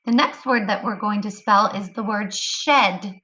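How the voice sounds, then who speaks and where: Slow, encouraging kindergarten teacher woman. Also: medium pitch, pushed and bright, low-quality recording. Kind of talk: remote phonics lesson for children.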